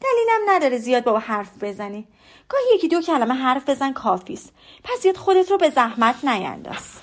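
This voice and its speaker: A woman reading an audiobook, voicing a fussy, excitable middle-aged mother who complains loudly. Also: sits high, full character voice. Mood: coaxing. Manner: loud, exclaiming, scolding. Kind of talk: audiobook character voice.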